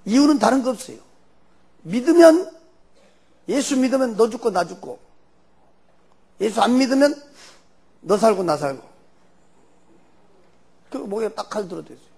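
A man's voice: very high-pitched, sing-song, normal speed, creaky, long pauses, darkish tone, breathy edge. An older man with a Jeolla Korean accent, a church elder telling his life story in a loose, folksy testimony. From Jeolla region, Korea.

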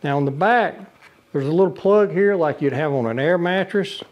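An older man, a product reviewer, casually demos a camping lantern indoors in his brick-walled living room. He talks plainly, with lots of uhs and restarts, in a slightly high voice at a moderate pace. The recording sounds muffled.

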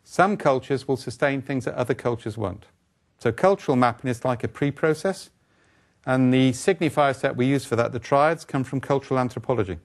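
An older man giving a conference keynote lecture, brisk, wry and blunt, throwing in asides and rhetorical questions. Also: medium pitch. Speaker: keynote speaker. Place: conference stage, indoors.

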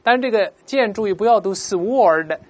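A woman with a slightly high, somewhat mellow voice teaches English vocabulary. She explains each word patiently, slowly models pronunciations for listeners to repeat, and keeps asking "right?"

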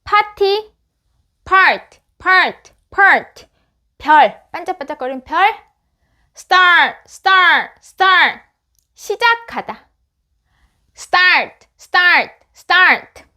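Slow, bright-voiced woman teaching phonics. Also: extremely high pitch, sing-song. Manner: repeats each English word three times, then gives its meaning. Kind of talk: slow repeated word drills with explanations.

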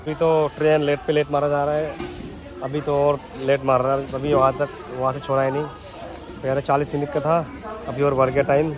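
A young man from Assam, India, vlogs his travels, chatting casually to a phone held at arm's length outdoors in a village, on a station platform, and aboard a moving train. His medium-pitched voice is brisk with little pitch movement, and the noisy recording picks up music plus street, vehicle, and train sounds.

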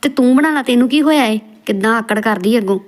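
A woman's voice: on the high side, fast talker. A woman roasting video clips in a scolding, mocking tone. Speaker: roast commentator.

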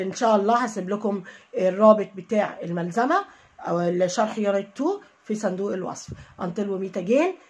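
An Egyptian woman teaching an online English lesson, repeating each English phrase slowly and then translating it. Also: medium pitch, darkish tone. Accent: Egyptian Arabic.

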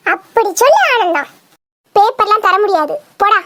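In a cartoon, a voice actor plays a bunch of cheeky village schoolchildren, boys and girls chattering, teasing and squabbling with shrill giggles. The delivery has lively intonation, a moderate pace and a slightly bright quality, with a little background noise.

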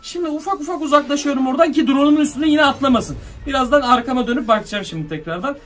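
In a horror-themed drone vlog, a young man speaks in rapid-fire bursts, his very high voice a bit bright and far from the mic. Scared and jittery, he tells his viewers about the strange sight below while muttering orders to his drone, light music playing behind him off-mic.

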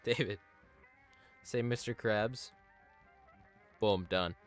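A man live-streaming a game, excitable and laughing as he swears and thanks donors. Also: fairly low pitch, takes it slowly, faint music behind. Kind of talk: live gaming stream chat.

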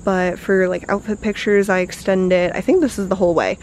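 A young woman talks casually to the camera as a beauty vlogger. She is bubbly and chatty, her sentences strung together with fillers and quick laughs. She records indoors at home. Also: mid-range voice, fairly even intonation, darkish tone, slight background noise. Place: bedroom indoors, later outdoors on a porch.

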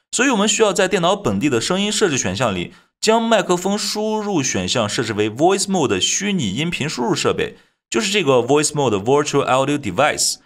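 A man narrating a scripted software tutorial as its host, explaining things step by step. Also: on the high side.

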